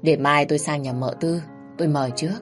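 Woman doing older man, calm, measured, slow, low, storybook audiobook, faint music. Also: close to an everyday voice.

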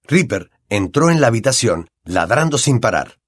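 An expressive male audiobook narrator with a Latin American Spanish accent, his pitch moving lively through the story. The recording is close and dry, with no room sound. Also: normal speed, no room sound. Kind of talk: scripted narration.

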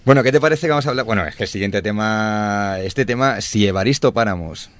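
Deep-voiced man hosting a radio chat. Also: a little fast. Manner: rambling anecdotal storytelling, animated. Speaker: radio show host.

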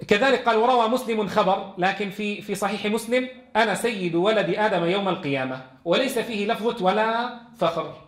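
A man's voice: sits high, fairly quick, reverberant. A man teaching a Quran lesson in a classroom. He reads from a text and explains it, asking his students questions.

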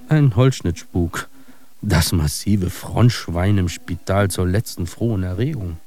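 In a radio drama monologue, a male actor voices an embittered, disillusioned fighter, declaiming and cursing coarsely. His low-pitched, dark voice carries a brooding, weary mood.

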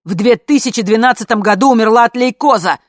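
A woman voicing a tense dead husband who insists and shouts in a storybook. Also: low-pitched, normal speed, dry recording, clean studio sound, natural voice. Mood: insistent.

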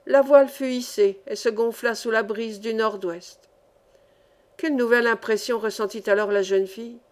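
A woman reading an adventure novel aloud in steady, expressive scripted narration. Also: a little high. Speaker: audiobook reader.

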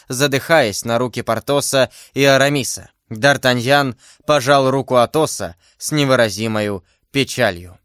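A man narrating a classic novel aloud as an audiobook, in a steady, measured voice. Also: medium pitch, clear, resonant tone, no echo, studio quality. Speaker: reader.

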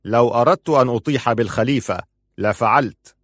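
A man's voice: medium pitch, brisk, no echo, clean studio sound, natural voice. A man reading an audiobook, voicing a proud old army commander who speaks firmly and emphatically. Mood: defiant. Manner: firm, emphatic declaiming.

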